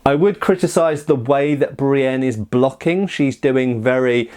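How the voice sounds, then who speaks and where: A man's clean, darkish voice of medium pitch moves a little slowly as he hosts a martial arts review. In a conversational style, he walks through techniques, voicing firm opinions and adding emphatic side remarks.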